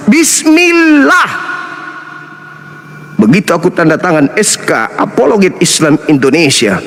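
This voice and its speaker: Man, heated debate preacher, very high pitch, mocking and theatrical, echoing hall with faint background noise. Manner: mocking, laughing, acts out quotes theatrically; swings from shouts to slow low drawls.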